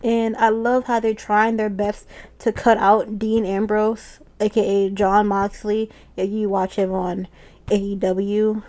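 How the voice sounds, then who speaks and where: Chatty woman with a mellow voice. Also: medium pitch, little pitch movement, a little slow. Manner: chatty, laughs often while retelling. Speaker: wrestling show reviewer. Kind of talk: casual recap talk.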